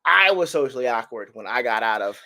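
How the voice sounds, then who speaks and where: A man's voice: medium pitch, lively intonation, brisk, pushed and bright. Rambling, self-mocking man. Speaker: podcast co-host. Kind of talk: casual chat.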